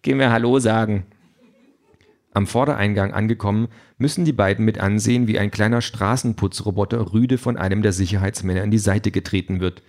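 Low-voiced man reading an audiobook. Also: quick pace, hardly any pauses, darkish tone. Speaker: audiobook narrator. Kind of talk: scripted narration.

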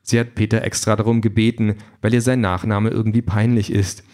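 A man narrating a comic story for an audiobook in a dry, even storytelling manner. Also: on the low side, brisk.

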